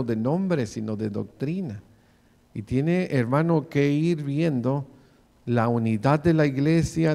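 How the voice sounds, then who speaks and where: A man's voice: medium pitch, creaky, warm tone. A man in his forties preaching a sermon in a church, often calling the listeners brother. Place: church sanctuary, in front of the pulpit. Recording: long church reverb.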